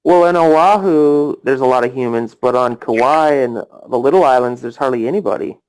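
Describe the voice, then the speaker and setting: A man's voice: mid-range voice, normal speed, a little mellow, clean tone, low-quality recording. A man hosting a casual voice chat, rambling with lots of fillers and talking over the others. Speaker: voice chat host.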